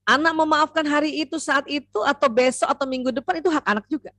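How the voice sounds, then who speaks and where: A woman doctor giving a seminar lecture to mothers, lively and talking straight to her audience. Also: high-pitched, fast talker, dry recording, studio quality. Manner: lively, acts out parent and child voices; addresses the audience directly with frequent "ya".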